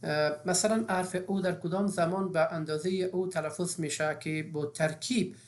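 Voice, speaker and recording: A woman's voice: on the low side, fairly even intonation, darkish tone. A woman, teaching an English phonics lesson step by step with frequent fillers.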